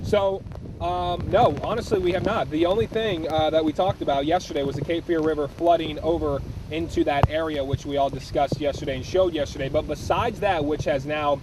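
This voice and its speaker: A man's voice: a little high, fairly even intonation, brisk. A male field reporter ad-libbing a live storm report outdoors, raising his voice emphatically over wind and rain. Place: outdoors on a city street in pouring rain.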